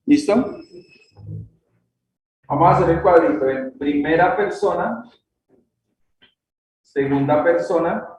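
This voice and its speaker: A man's voice: on the high side, a little mellow. A man teaching a grammar lesson in a church classroom, checking in with short questions and repeating key words. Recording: echoey room, distant mic, faint noise.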